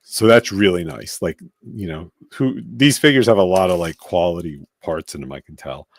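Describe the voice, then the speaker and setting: A man with a very low voice hosts a casual live-stream toy review, rambling and thinking aloud as he handles a figure. The sound is dry and close, with no room around it. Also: normal speed, no echo. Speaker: toy collector host.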